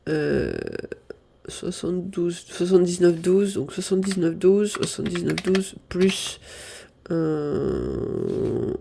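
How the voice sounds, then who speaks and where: A woman's voice: sits low, dark tone, slight background noise. A woman from southern France with a stuffy nose from a cold, chatting casually through her budget and thinking aloud over the sums with many apologies. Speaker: budget vlogger. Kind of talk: casual budget diary chat. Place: apartment at home.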